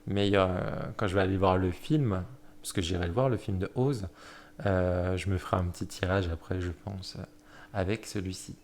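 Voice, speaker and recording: Hesitant low-voiced man showing tarot cards. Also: fairly even intonation, normal speed, slight background noise. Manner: hesitant, many fillers and self-corrections; admiring, soft-spoken commentary. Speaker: tarot deck reviewer. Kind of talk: casual deck flip-through.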